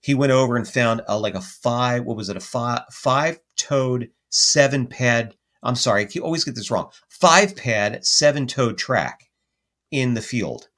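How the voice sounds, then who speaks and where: A man with a medium-pitched voice and normal pacing appears on a podcast as a guest paranormal investigator. He rambles through an animated story, correcting himself repeatedly.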